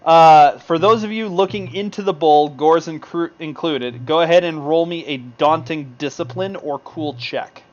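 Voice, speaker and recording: Man, game master, slightly high voice, loose rambling narration, dull lo-fi mic. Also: normal speed, hardly any pauses. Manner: loose, improvised narration with many fillers.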